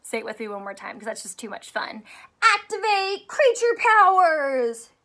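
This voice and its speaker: A primary school teacher in her thirties reads aloud to young children, speaking expressively with careful enunciation and asking them questions. Her voice is high-pitched at a moderate pace, in a small home room with a sofa and soft toys.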